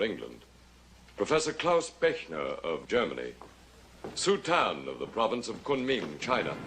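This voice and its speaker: A man's voice: medium pitch, a bit bright, slight background noise. A man playing a grave, authoritative alien from outer space making a formal proclamation in a 1950s film. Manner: grave, formal, measured phrasing.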